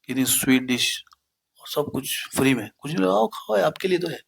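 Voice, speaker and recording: A man's voice: on the high side, lively intonation, normal speed, creaky, slightly rough. A man giving a devotional talk, telling anecdotes in a conversational way and often checking in with his listeners. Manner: anecdotal, peppers speech with "है ना?" and English phrases. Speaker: preacher.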